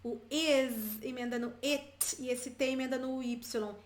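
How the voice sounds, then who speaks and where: A Brazilian woman teaching English to viewers, chatty and repeating example phrases slowly for learners. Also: sits high, steady tone, echoey room, slight background noise. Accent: Brazilian Portuguese. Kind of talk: bilingual English lesson, addressing viewers.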